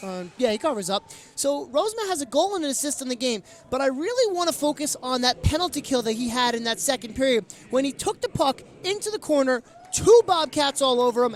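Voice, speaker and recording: High-pitched voice, hockey color commentary, conversational, chatty, explanatory.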